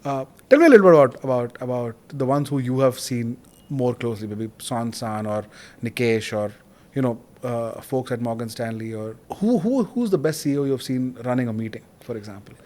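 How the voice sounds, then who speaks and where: A man hosting a podcast, telling stories in an animated, casual way. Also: mid-range voice. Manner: animated storyteller, quick bursts of detail. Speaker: podcast host. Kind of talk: casual interview chat.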